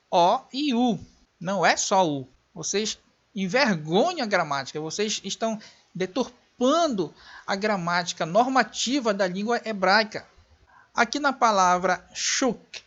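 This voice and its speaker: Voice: mid-range voice, fairly bright tone, highs cut off. A presenter giving an emphatic explanatory lecture on grammar, repeating key points and scorning opponents. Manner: emphatic and repetitive, pressing points home. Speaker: video presenter teaching Hebrew grammar.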